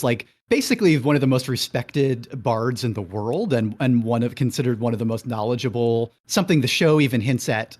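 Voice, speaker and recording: A man hosting a casual podcast chat, working through his thoughts out loud. He is analytical and rambling, and he often breaks off and restarts mid-sentence. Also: mid-range voice. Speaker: podcast host.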